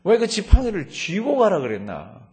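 A middle-aged male pastor preaching a sermon, asking rhetorical questions and slowing down to read scripture aloud, in a church sanctuary. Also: high-pitched, wildly swooping pitch, darkish tone. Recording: long church hall reverb.

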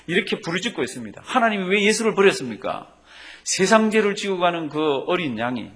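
Male pastor preaching, slightly raised pitch, emphatic with questions put to the congregation. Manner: emphatic preaching, rising to loud calls when quoting scripture; asks the congregation questions and answers them himself. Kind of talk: sermon.

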